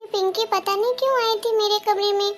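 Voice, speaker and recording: A woman voicing a gentle, worried young woman, a mistreated stepdaughter in a cartoon, speaking softly and meekly. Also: very high voice, fairly even intonation, a little fast. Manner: soft, meek and anxious.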